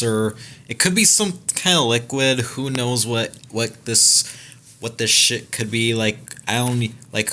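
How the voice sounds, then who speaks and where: A man's voice: mid-range voice, pushed and bright. A young man hosting a gaming channel, giving a casual, rambling trailer breakdown with many fillers, restarts and casual swearing.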